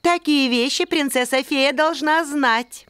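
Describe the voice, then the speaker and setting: A woman's voice: sits high, unhurried, fairly bright tone, no room sound, clean studio sound. A woman voicing a prim, strict fairy nanny who teaches and corrects precisely in a children's cartoon.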